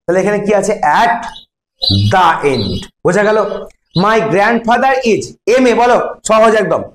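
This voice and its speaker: A man with a Bengali accent teaches a grammar class, walking his students through each step and pausing to quiz them. His voice sits high for a man. The classroom around him has a clear echo. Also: animated. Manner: explains step by step, quizzing students. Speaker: English teacher. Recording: echoey classroom.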